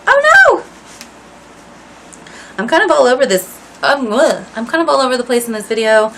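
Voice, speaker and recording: A woman's voice: fairly high pitch, animated, quick pace, noisy background. A woman in her thirties chatting casually to camera at home while dyeing her hair, rambling and apologetic with lots of fillers. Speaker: vlogger.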